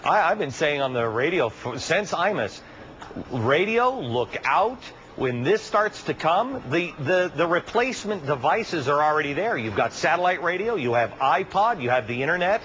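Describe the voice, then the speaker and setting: A TV commentary host delivers an opinion monologue and interview, speaking emphatically and sarcastically with plenty of rhetorical questions. His voice is fairly high, sing-song and fairly bright at a normal pace, heard through dull lo-fi broadcast audio with a little hiss or hum.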